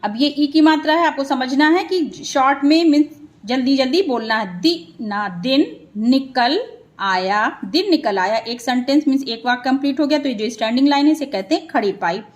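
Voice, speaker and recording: A woman teacher sounding out words syllable by syllable for children, then explaining in quick bursts. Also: high-pitched. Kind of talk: children's phonics lesson.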